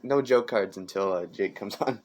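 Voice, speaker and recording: A man's voice: on the low side, background noise. Teen male podcast host, casual and rambling, homemade desk mic with audible clicks and knocks. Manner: rambling, halting, full of fillers and restarts. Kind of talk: casual chat. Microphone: amateur desk mic.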